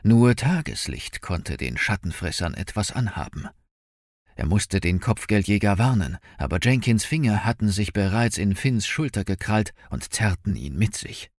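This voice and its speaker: Expressive, low-voiced male narrator. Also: moderate pace, no room sound, studio quality. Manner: expressive, dramatic storytelling. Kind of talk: audiobook narration.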